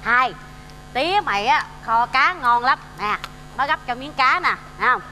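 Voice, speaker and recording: A woman's voice: high-pitched, lively intonation, moderate pace. A woman with a Southern Vietnamese accent playing a forgetful, fussy old mother in a stage comedy sketch, talking in a flustered, scatterbrained and doting way. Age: older. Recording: reverberant stage with faint music.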